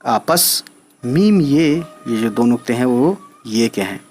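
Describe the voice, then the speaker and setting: A male teacher talks his way through a reading lesson at an unhurried, deliberate pace. His voice sits at an ordinary middle pitch. He spells each word out letter by letter and keeps asking whether it makes sense. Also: expressive, a little mellow, faint music behind. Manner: patient, spells letters out slowly, often asks "right?". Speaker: Urdu teacher.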